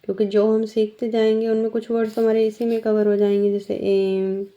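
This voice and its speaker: A woman teacher with a warm, mid-range voice and little pitch movement gives a slow, patient, step-by-step shorthand lesson. She asks the class questions as she goes, and the recording sounds dull and lo-fi.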